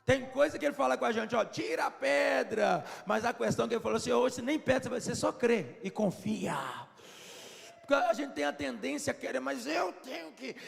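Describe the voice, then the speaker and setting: High, gravelly-voiced Brazilian pastor preaching. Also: male voice, brisk, long reverb tail. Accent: Brazilian Portuguese. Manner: storytelling, acts out dialogue, builds to shouts. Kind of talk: Pentecostal sermon.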